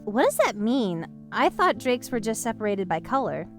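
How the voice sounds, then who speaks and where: A man voicing an excitable young woman adventurer in an audiobook, eager and full of chattering questions. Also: sits high, moderate pace, faint music behind, voice pushed up, exaggerated voice. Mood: curious. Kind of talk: audiobook character voice.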